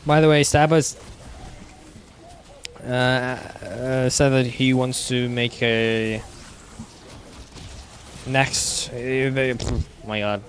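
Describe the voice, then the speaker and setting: A man, a game streamer reading chat aloud and answering in a halting way with frequent restarts. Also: mid-range voice, fairly even intonation, a little hiss or hum. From Russia.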